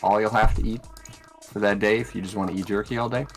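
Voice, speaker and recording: A man's voice: fairly low pitch, steady tone, fast talker, creaky, faint music behind. A man running a tabletop game, narrating casually as game master.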